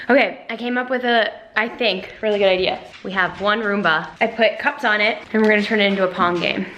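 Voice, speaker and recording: A woman's voice: mid-range voice, steady tone, brisk, few pauses, reverberant, background noise. A young woman in her twenties chatting casually in a vlog, bubbly and giggly. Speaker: vlogger.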